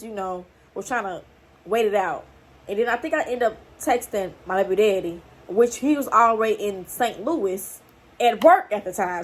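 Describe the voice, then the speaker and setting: Chatty young woman telling a rambling story. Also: on the high side. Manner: rambling, animated retelling with quoted dialogue. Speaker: vlogger. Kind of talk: casual storytelling to camera.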